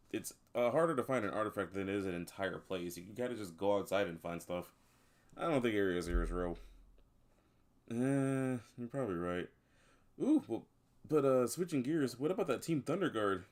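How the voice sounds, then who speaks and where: A man voicing young gossiping townsfolk who chatter excitedly in slang, full of "like" and "dude". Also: lowish voice, close to an everyday voice. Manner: slangy, rambling, lots of "like" and "dude".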